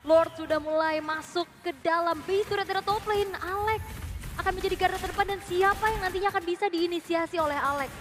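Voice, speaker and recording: A woman's voice: very high voice, a little fast, over music. A woman with an Indonesian accent co-commentating an esports match in a conversational, analytical style. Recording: noisy arena ambience behind voice.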